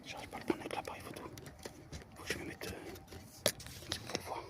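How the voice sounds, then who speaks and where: A man speaking in a hushed whisper, his voice kept low and breathy so he won't make a sound. He addresses his viewers directly from outdoors, recording on a handheld camera. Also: quick pace. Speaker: vlogger. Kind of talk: whispered wildlife-spotting vlog.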